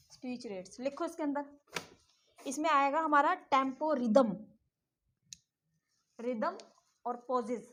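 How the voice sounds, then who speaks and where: A woman's voice: sits high, fairly bright tone. A woman teaching a class, lecturing and teasing and scolding her students as she explains.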